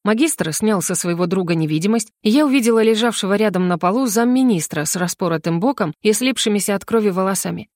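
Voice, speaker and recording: A woman reading a first-person fantasy audiobook in a lively, expressive manner. Her voice sits at a middling pitch and is recorded close and dry, with no room sound. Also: fast talker, few pauses, dry recording. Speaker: audiobook narrator.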